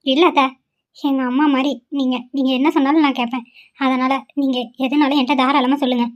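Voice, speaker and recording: A woman voicing a gentle, polite young daughter-in-law in a cartoon. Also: sits high, level tone, fast, natural voice. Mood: earnest. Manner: soft, polite, humble. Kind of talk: amateur cartoon voice acting. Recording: dull lo-fi sound.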